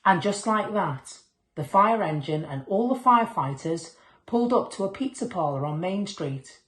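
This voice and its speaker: In an echoey room, a woman with a lowish voice reads a children's picture book aloud at a moderate pace. She performs like a storyteller, expressively acting out the dialogue and the sound words.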